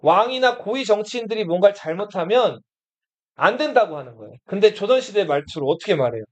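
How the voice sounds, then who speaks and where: A man's voice: high voice, lively intonation, quick pace. A man teaching history to a class. He talks in a casual, blunt way, asks the students questions and then answers them himself. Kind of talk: classroom lecture.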